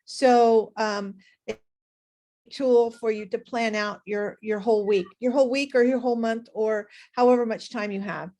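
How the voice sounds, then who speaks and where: A woman's voice: fairly high pitch, fairly even intonation, normal speed, dark tone. A woman with a Californian accent co-presenting a social media workshop, enthusiastic, with frequent fillers. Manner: enthusiastic, lots of fillers and restarts. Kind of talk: casual workshop talk.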